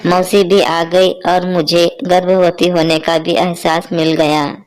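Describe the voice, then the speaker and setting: A woman voicing a dutiful, excitable young daughter-in-law in a cartoon story, chatty and exclaiming. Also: on the low side, slow.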